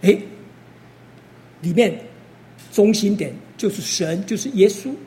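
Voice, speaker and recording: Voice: mid-range voice, lively intonation, slow, warm tone. An older preacher, giving a testimony sermon as a story, full of interjections and quoted dialogue.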